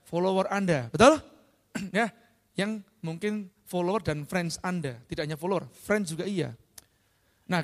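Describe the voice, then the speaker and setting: A middle-aged man Indonesia, giving a lively motivational talk to a live audience and often asking them questions. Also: sits high. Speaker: speaker at an event. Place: large hall. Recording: long hall reverb.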